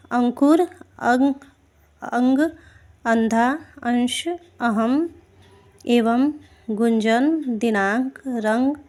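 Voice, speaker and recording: A woman teacher giving an exam-prep spelling lesson, slowly reading out word lists and pausing to ask her students rhetorical questions. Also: high-pitched. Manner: slow, deliberate reading of word lists with brief explanations.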